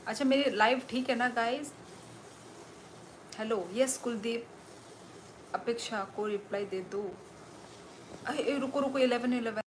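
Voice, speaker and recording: A woman's voice: on the high side, measured pace, long pauses, slight background noise. A woman hosting a live stream, chatting casually and reading out viewer messages with frequent exclamations. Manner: reads out viewer messages and super chats, often exclaims. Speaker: livestream host.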